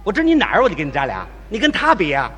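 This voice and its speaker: A man performing live crosstalk comedy as the lead teller, boastful and sly in his quick patter. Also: sits high, wildly swooping pitch, a bit bright, husky, muffled recording. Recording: live stage recording in a hall.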